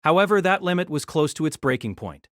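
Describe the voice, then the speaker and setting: A woman narrates a light novel in a scripted storytelling style, her pitch moving in a lively, animated way. She reads fast, and the recording is close and dry with no room sound.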